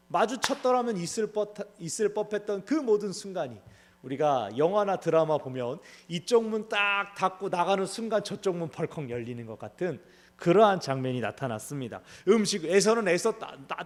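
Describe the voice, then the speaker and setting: A man's voice: sits high, very animated, normal speed. A man pastor preaching an expository sermon in a conversational way. He asks rhetorical questions and acts out the characters' lines in dramatized voices.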